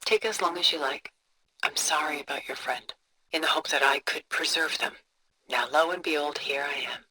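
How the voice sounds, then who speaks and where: An actress playing a cultured, composed older woman who collects art, with a refined, measured, contemplative delivery for a video game. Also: low-pitched, heavily acted, rough recording. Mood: calm, reassuring. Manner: refined, measured, contemplative, soft breathy phrase endings. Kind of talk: video game character dialogue, museum-guide storytelling.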